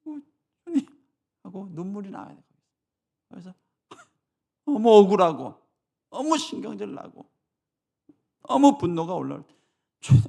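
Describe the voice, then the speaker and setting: Gravelly, lively male pastor preaching. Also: high voice. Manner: emphatic, with frequent rhetorical asides to the congregation. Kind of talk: sermon. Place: church.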